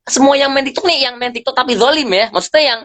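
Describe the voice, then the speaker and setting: A man speaking as a guest on a live stream, telling lively stories in slangy casual talk and acting out bits of dialogue. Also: very high voice, quick pace, no echo. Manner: animated storyteller, acts out dialogue, slangy. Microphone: phone on a live video stream.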